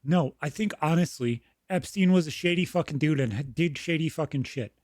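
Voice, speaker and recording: A man's voice: fairly high pitch, a little fast, darkish tone, no echo, clean studio sound. Blunt, swearing podcast man. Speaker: podcast co-host. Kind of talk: casual political chat.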